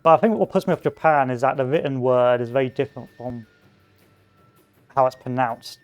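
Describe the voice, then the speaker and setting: A man chatting loosely while he plays a strategy game, his voice smooth and resonant. He wanders from thought to thought with lots of ums and uhs, at an ordinary middle pitch. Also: brisk, highs cut off, soft background music. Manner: rambling, chatty, wanders onto tangents with many fillers. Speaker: gameplay commentator. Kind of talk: casual let's-play commentary.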